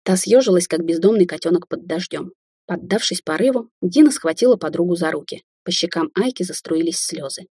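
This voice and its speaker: Husky, mellow female audiobook narrator. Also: lowish voice, fairly quick, dry recording, clean studio sound. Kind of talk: scripted narration.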